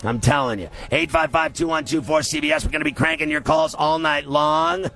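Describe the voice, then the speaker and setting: A man hosting a sports radio show in a loud, scratchy, gravelly voice, boastful and verbose, often yelling. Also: a little high, brisk. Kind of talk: brash sports radio monologue.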